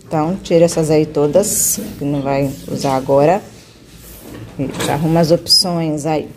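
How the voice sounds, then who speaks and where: A woman's voice: sits low, fairly even intonation, moderate pace, noisy background. A woman teacher guiding a child through a reading lesson, patiently coaxing and stretching out syllables. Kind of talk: one-on-one literacy lesson.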